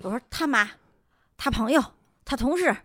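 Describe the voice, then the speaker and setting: A woman hosting a podcast tells a story in casual conversation, animated, laughing often and acting out the voices she quotes. Her voice is high and her pace moderate, recorded in studio quality with no room sound.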